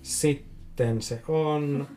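A man narrating as game master of a tabletop role-playing game, often laughing and filling pauses as he describes the action. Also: mid-range voice, vocal fry, warm tone, slight background noise.

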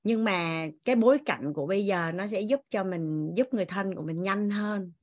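A woman leads an online class over a video call. She speaks to the group as family and coaxes them along. Her voice sits at a middle pitch. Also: brisk. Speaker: class teacher. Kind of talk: leading an online class discussion.

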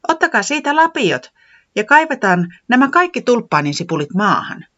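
High, excitable storybook creature giving orders, as a reader puts it on; breathy, muffled recording. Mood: excited. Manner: bright, bossy, excited. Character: bubbly spring-loving garden creature.

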